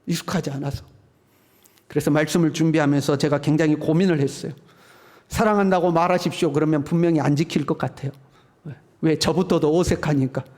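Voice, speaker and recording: A man's voice: fairly high pitch, flat delivery, fairly quick, dark tone. A middle-aged man preaching a Sunday sermon in a church, in a conversational way, sometimes acting out what parents say. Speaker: pastor. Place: church sanctuary.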